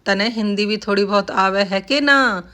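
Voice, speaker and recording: A woman's voice: medium pitch, moderate pace, pushed and bright, close to an everyday voice. A blunt old village man, played by a woman narrator, teases in rustic speech. His talk is earthy and mocking, in the manner of a told folk story. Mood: teasing.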